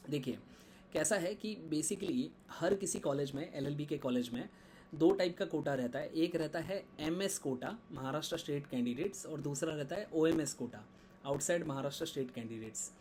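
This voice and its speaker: A man's voice: a little high, normal speed, a little mellow, slight background noise. A man giving a casual tutorial on admission paperwork, stopping often to check in with his viewers. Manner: conversational, code-switching in English, frequent "theek hai" check-ins. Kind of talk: screen-share explainer lesson.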